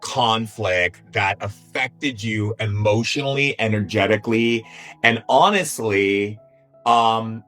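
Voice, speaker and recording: A man hosting a live spiritual coaching session in a conversational way, often checking in with a quick "right?". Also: lowish voice, a bit bright, soft background music. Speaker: host, spiritual healer.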